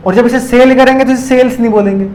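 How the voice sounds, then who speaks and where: ऊँची आवाज़ वाला पुरुष शिक्षक, सवाल पूछकर खुद जवाब देता. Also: male voice, extremely high pitch, steady tone, fast, darkish tone, a little hiss or hum, low-quality recording. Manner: asks questions and answers them himself. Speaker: commerce teacher. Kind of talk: classroom lecture.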